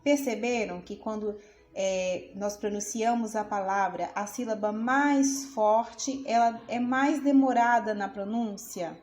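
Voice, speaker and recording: A woman teacher giving a school lesson, drawing out words slowly and checking in with questions to the pupil. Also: medium pitch, darkish tone. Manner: slow, drawn-out syllables, repeats words aloud; asks the pupil questions, says "certo?". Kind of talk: recorded remote school lesson. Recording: roomy echo, faint music behind.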